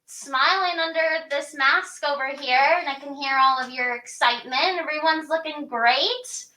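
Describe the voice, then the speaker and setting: A woman's voice: high voice, normal speed, bright, forceful tone. A woman giving an upbeat, encouraging pre-show pep talk to her cast over a video call. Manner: upbeat and encouraging, trails into fillers. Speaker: theatre director. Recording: echoey room.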